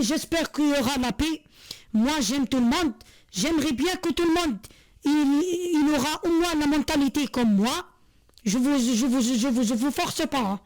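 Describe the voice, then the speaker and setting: An earnest, high-voiced Algerian woman in her 40s speaks to camera as a vlogger. Her heartfelt monologue is repetitive and full of hesitations and restarts.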